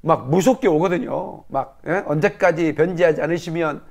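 High-voiced Korean pastor preaching fervently. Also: male voice, moderate pace, creaky. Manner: fervent declaring prayer, then chatty storytelling. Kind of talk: sermon with prayer and personal story.

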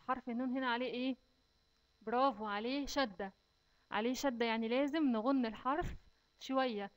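A woman with an Egyptian accent teaching children Quran recitation, chanting verses slowly and then explaining them plainly. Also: on the high side, highs cut off. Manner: slow, drawn-out recitation alternating with clear explanation.

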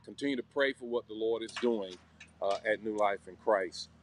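A man's voice: lowish voice, normal speed, a little hiss or hum. A middle-aged man giving a casual, upbeat walkthrough of a church construction site, talking with many fillers while filming on a phone. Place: indoor and outdoor building site. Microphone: phone camera held while walking.

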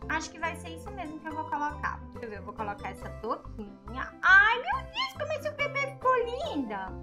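A woman's voice: high-pitched, lively intonation, fast talker, music in the background. Woman playing a doting young mother. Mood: doting, fussing. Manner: sing-song baby talk to her infant. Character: young mother, proud then tender, doting.

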